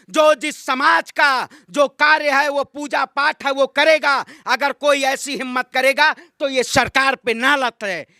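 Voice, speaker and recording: A political activist from Ayodhya, Uttar Pradesh, India, gives an impassioned interview in a combative, declamatory manner, repeating phrases for emphasis. His voice is extremely high, creaky and bright with a forceful tone, captured as a dry, studio-quality recording.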